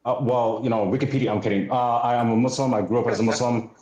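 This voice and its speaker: A man's voice: mid-range voice, steady tone, fast, roomy sound, a crowd in the background, rough recording. A US-raised man of Somali background making a blunt argument on a debate panel, stopping often with "uh". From United States, Somali family. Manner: hesitant, many "uh"s, blunt. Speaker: panel caller.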